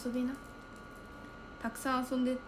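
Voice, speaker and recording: Chatty young woman streamer, high voice. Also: a little fast, noisy background. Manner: chatty, lively, thinks aloud and reacts to comments. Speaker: idol livestreamer reading viewer comments. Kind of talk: casual livestream chat.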